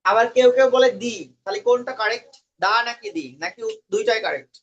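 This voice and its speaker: A man's voice: very high voice, fast, fairly bright tone. A man teaching an English lesson, quizzing his students and mixing English words into his talk. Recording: dull lo-fi recording.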